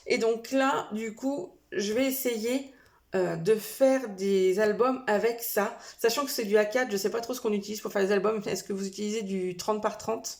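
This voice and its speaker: Chatty and unhurried, a woman talks to her viewers about her purchases at a middle pitch. She pauses often, fills gaps and corrects herself as she goes, in relaxed casual speech. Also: vocal fry. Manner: chatty, hesitant, many fillers and self-corrections. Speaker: vlogger showing a shopping haul. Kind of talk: casual chat to camera.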